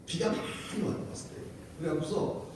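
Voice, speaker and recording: A man's voice: normal speed, darkish tone. A man, a pastor, preaching a Wednesday prayer service sermon, asking the congregation questions and telling the story with animation. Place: church sanctuary. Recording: very echoey church, distant mic, faint hiss.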